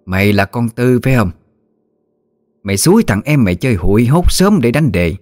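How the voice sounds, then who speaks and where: A man's voice: medium pitch, big pitch swings, fairly quick, a little mellow, lightly acted. A man doing a furious old grandmother. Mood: scolding. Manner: harsh, accusing tirade. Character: furious old grandmother scolding her in-laws.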